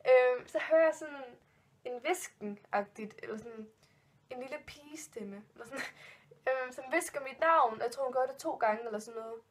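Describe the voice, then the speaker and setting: A woman in her twenties telling ghost stories in a casual vlog, rambling with many fillers and restarts, spooked and giggling nervously. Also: high-pitched. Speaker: vlogger.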